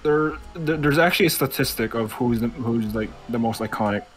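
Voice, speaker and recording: A man's voice: medium pitch, fairly quick, over loud music. A young man co-hosting a gaming video with casual chat over the gameplay.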